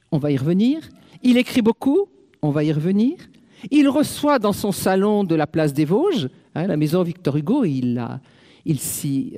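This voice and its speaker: A woman's voice: deep voice, dark tone. A woman giving an academic lecture on literature, hesitant and full of fillers, with wry asides. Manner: hesitant, with frequent "euh" fillers.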